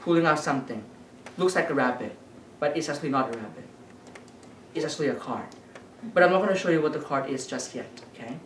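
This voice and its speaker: A woman's voice: low-pitched, expressive, quick pace, pauses often. A woman performing as a magician at a children's party, giving patter and instructions and putting questions to the young audience. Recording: echoey room, distant mic, noisy background.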